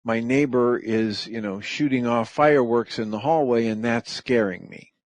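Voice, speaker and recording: A middle-aged man hosting a radio show, calmly and gently walking through the steps of a practice. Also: mid-range voice, moderate pace, no room sound. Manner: calm, gentle, step-by-step explaining. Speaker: radio host. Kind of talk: reflective talk radio teaching.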